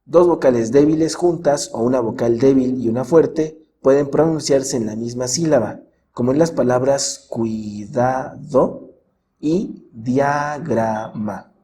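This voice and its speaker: A man gives a scripted grammar lesson in a mellow, relaxed voice. He speaks in a measured way and slows right down on each example word. A faint hiss sits under the recording. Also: medium pitch. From Mexico. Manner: measured, stretches example words slowly. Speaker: teacher. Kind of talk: scripted educational narration.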